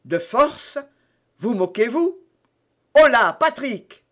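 A man's voice: big pitch swings, slow pace, heavily acted. A man playing a haughty, hot-tempered duke. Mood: indignant. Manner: indignant outbursts, raised pitch. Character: proud male duke, haughty and quick to anger.

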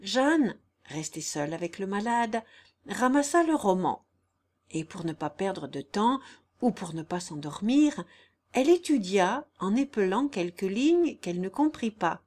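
A woman reading a classic novel aloud as audiobook narrator, measured and expressive. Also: medium pitch.

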